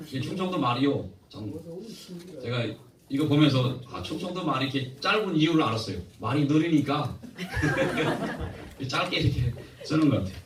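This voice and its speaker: A male pastor delivering a sermon with a humorous streak, teasing regional dialects and calling for amens from the congregation. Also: medium pitch. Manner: exhorting, draws amens from the congregation. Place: church sanctuary. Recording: echoey church from a distance.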